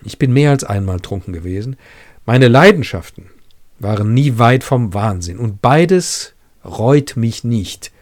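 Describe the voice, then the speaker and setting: A man's voice: mid-range voice, expressive, a little slow, a little mellow, close to an everyday voice. A man reading a passionate brooding young man. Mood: defiant. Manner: impassioned, rhetorical.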